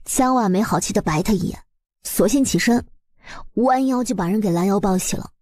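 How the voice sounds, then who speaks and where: A woman's voice: mid-range voice, brisk, a little mellow, no echo, studio quality. A woman narrating a webnovel story expressively, in a colloquial, dramatizing storyteller's manner.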